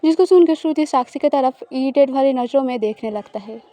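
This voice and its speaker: Woman narrator, audio story, steady storytelling, high voice, mellow tone. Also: a little fast, dry recording.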